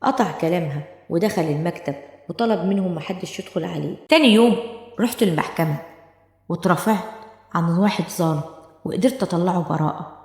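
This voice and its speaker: A woman with an Egyptian Arabic accent telling a dramatic first-person story as a steady storyteller, in an echoey room with long reverb. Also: fairly low pitch, fast.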